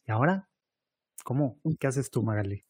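A man's voice: mid-range voice, expressive, moderate pace, a little mellow, breathy edge, no room sound, clean studio sound. Mexican man hosting a chat. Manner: chatty, leans on tag questions. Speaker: host. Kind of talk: conversational podcast interview.

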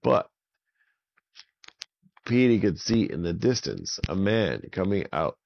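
A man telling a children's pirate story in a relaxed, improvised way, often repeating words for effect. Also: low-pitched, slow, creaky, lo-fi sound.

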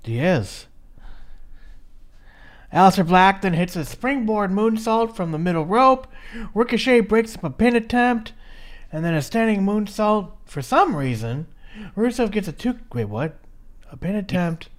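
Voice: medium pitch, animated, measured pace. A podcast co-host recapping a match in a chatty, casual way, swearing now and then and reading from notes.

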